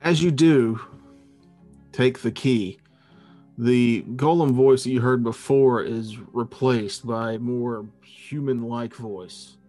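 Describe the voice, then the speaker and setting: A man narrating a tabletop fantasy game as game master, improvising in a halting way with dramatic pauses. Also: medium pitch, mellow, faint music behind.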